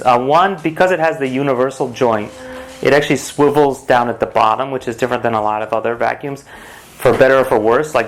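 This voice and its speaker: Regular guy doing a casual product review, rambly and matter of fact, mid voice, noisy home recording. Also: medium pitch. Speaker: host of a product unboxing vlog. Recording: home recording with clear noise and clicks.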